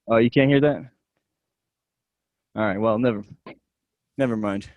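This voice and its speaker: A man's voice: fairly low pitch, measured pace, no echo, muffled recording. A man chatting on a video call as a club member, sharing stories in an eager, slightly hesitant way. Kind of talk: casual chat on a video call.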